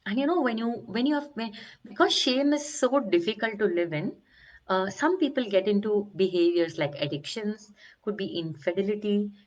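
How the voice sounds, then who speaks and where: A middle-aged woman speaks as a wellbeing coach, earnest and searching. She restarts often and draws out words for weight. Her voice sits at an ordinary pitch, and the recording sounds slightly dull and lo-fi. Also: lively intonation. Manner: earnest, searching, with many restarts and drawn-out emphasis. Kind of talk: reflective talk on emotional healing.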